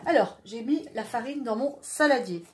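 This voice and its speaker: Chatty higher-voiced woman. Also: animated, moderate pace, darkish tone, slight background noise. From southwest France. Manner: chatty, joking, talks while stirring. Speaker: home cooking video host. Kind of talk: chatty cooking demonstration. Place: home kitchen.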